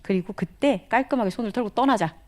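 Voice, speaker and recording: Woman missionary telling her testimony, chatty and animated, slips into whispers sometimes. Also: fairly high pitch, fast talker. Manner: conversational, animated storytelling with whispered asides. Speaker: missionary speaker. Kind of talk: testimony sermon.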